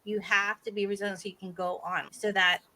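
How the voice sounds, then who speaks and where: A woman co-hosting a business podcast with a bright, crisp voice. She is lively in casual chat and chimes in with "yeah" as others talk. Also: medium pitch, fairly quick. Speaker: podcast co-host.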